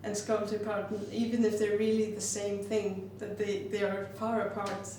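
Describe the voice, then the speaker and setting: This glass artist from Iceland presents her pieces thoughtfully, often pausing to grope for words, in a mellow mid-range voice with little pitch change at normal speed. Her voice is captured by a distant mic in a very echoey space with a noisy background.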